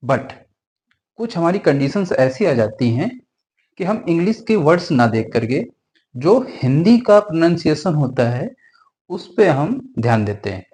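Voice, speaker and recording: A man's voice: on the high side, big pitch swings, measured pace, darkish tone, poor audio. A man teaching a grammar lesson, often asking a question and then answering it himself, and repeating the key rules. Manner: mixes Hindi with English grammar terms.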